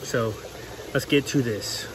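A man's voice: medium pitch, slow, background noise. A young man talking casually to the camera in a vlog, outdoors by a backyard pool, chatty and jokey. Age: young adult. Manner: chatty, jokey, yells out loud now and then. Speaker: vlogger.

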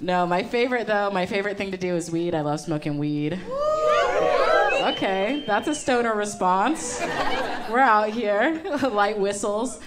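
On a comedy stage with a handheld mic, a young woman performs stand-up for a live audience, landing conversational punchlines peppered with ums. Her mid-range voice is animated and unhurried, buried in heavy background noise from loud crowd laughter.

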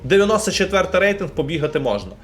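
A man's voice: high voice, rapid-fire, soft background music. A young man from Ukraine casually commenting live while opening game packs and talking to his chat. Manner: chatty, animated, talks to chat.

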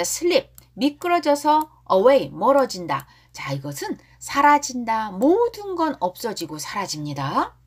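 A Korean woman teaching English pop song pronunciation, switching between rapid Korean explanations and slow, drawn-out English lines for students to repeat. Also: mid-range voice, breathy edge. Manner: explains in quick Korean, then sings or drawls English lyrics slowly for repeating.

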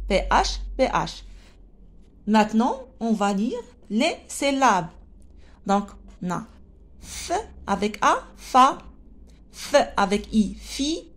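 A woman teaching a phonics lesson to young children, speaking with a French accent with a North African lilt and sounding out letters and syllables slowly and carefully. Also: fairly high pitch. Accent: French spoken with a North African lilt.

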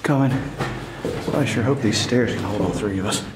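A man's voice: on the low side, normal speed, very noisy. A man exploring an abandoned church and school on a casual vlog, talking to viewers and exclaiming in awe at what he sees. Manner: awed, exclaiming, laughs easily. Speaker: urban explorer. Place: large abandoned brick church, indoors.

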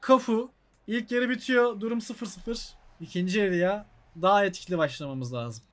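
A man's voice: high-pitched, normal speed. A young man with a Turkish accent giving let's-play commentary on a football video game, breaking into frustrated outbursts at the game. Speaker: gaming YouTuber.

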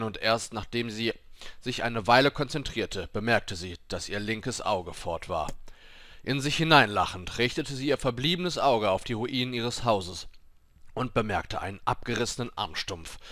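A man reading a game story aloud in a steady, dramatic storytelling voice. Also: lowish voice, moderate pace, no echo, studio quality. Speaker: let's play narrator.

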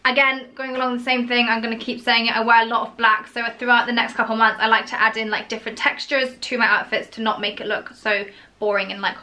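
A young woman talks through a clothing haul in a casual, gushing way, stringing thoughts together with lots of "like". Her voice is bright and a touch higher than average. She sounds like a vlogger chatting at home. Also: flat delivery, fast talker. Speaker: fashion vlogger.

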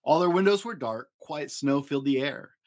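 In a small home studio, a dad who hosts as a storyteller gives an expressive reading of a children's tale, full of playful drama. His voice sits a little high and sounds slightly mellow, moving at a normal speed.

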